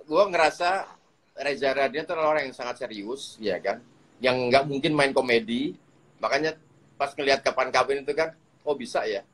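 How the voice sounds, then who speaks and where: A man's voice: medium pitch, normal speed, a bit bright, rough recording. Teasing male host. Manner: teasing, playful. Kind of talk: casual live-stream chat.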